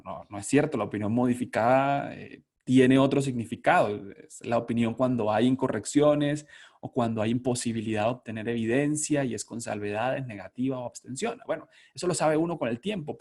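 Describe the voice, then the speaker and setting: A man's voice: mid-range voice, vocal fry, darkish tone. A man from Colombia giving a conference lecture on auditing standards, emphatic, repeating key words and asking and answering his own questions.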